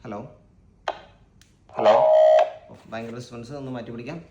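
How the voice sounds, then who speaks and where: This is a Malayali man's casual unboxing vlog, recorded in an echoey room with faint noise in the background. He talks at a moderate pace in a steady, mid-range voice, staying informal and a little hesitant as he works through his thoughts aloud.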